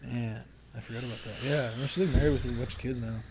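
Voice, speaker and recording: A man's voice: medium pitch, steady tone, quick pace, noisy background. A young man sharing his story as a podcast guest, casual and candid, rambling with lots of filler and swearing. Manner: rambling, heavy use of "like" and swearing.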